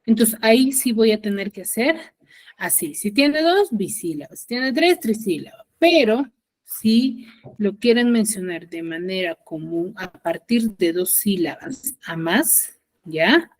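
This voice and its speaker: A woman teacher with a Peruvian Spanish accent leads an online class in a mid-pitched, everyday voice. She talks patiently, stressing and repeating the key terms. She keeps pausing to check that her students follow. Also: expressive.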